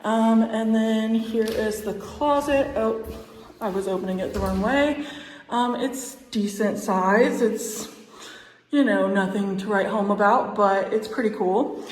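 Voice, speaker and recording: A woman's voice: mid-range voice, unhurried, a little mellow, soft background music. A woman giving a casual, bubbly, enthusiastic vlog tour, chatting in an echoey, empty apartment. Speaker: vlogger. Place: indoors, small empty unfurnished apartment.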